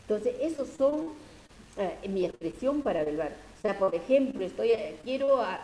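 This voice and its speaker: A woman's voice: mid-range voice, animated, moderate pace, warm tone, roomy sound, slight background noise, rough recording. A woman teacher with a Peruvian Spanish accent, lecturing her class over a video call and explaining step by step with many tag questions.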